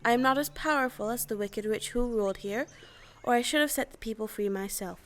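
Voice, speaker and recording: A woman's voice: fairly high pitch, a little fast, lightly acted. Woman playing a kindly old good witch. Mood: kindly, assured. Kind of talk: stage-style audio play acting.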